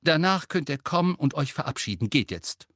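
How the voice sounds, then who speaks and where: Man putting on a strict wizard mum, hushed and scolding, dry close sound. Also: on the high side, big pitch swings, normal speed, no echo, voice pushed up. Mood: firm. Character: stern protective wizard mother.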